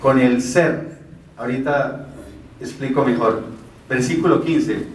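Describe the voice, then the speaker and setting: A man's voice: mid-range voice, takes it slowly, slight background noise. A man teaching the Bible as a preacher, explaining verses step by step and answering his own rhetorical questions. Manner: poses rhetorical questions and answers them himself. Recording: roomy, from a distance.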